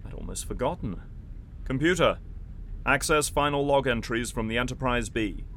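A man playing a steady, wry starship captain in a sci-fi audio drama. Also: mid-range voice, normal speed, slight background noise, close to an everyday voice. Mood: subdued. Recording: music under the voice.

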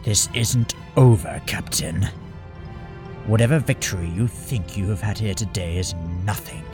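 A male actor plays a bitter adversary in a sci-fi audio drama. His fairly low voice is full of threat, over clearly audible music. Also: unhurried, close to an everyday voice. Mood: threatening. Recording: music under the voice.

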